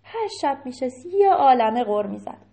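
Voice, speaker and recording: A woman telling a story to children in an animated way, often turning to ask them questions. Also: sits high, gravelly.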